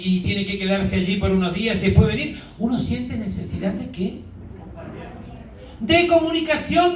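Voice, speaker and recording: Priest, male, high voice, drawn-out emphatic preaching; caught from afar in a roomy church. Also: a little hiss or hum. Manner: asks the congregation questions, drawn-out emphasis. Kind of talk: sermon. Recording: echoey hall, mic far off.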